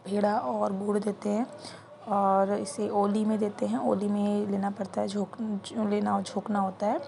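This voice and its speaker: With a medium-pitched, mellow voice showing vocal fry and little pitch movement, a young woman speaks at a moderate pace over slight background noise. She's a vlogger casually narrating into her phone at an indoor gathering, chatting through the steps of a home puja ceremony.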